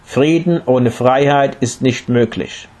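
A man's voice: medium pitch, a little mellow, natural voice. A man voicing a noble, selfless male king of the deer in a read-aloud fable, earnest and pleading. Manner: earnest, pleading, slow and solemn. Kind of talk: storybook reading.

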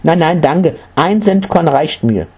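A man voicing a desperate young mother in a storybook, pitching his voice high and pleading. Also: expressive, measured pace, a little mellow, breathy edge. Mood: polite.

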